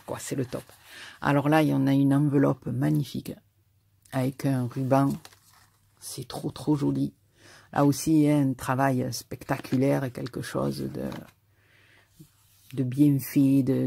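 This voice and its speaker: A woman's voice: rumbling low, vocal fry, dark tone, a little hiss or hum. A woman with a southern French accent chatting casually as she opens her mail, effusive and often repeating herself. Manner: effusive, repeats words and stammers. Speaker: craft YouTuber. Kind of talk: casual mail-opening video.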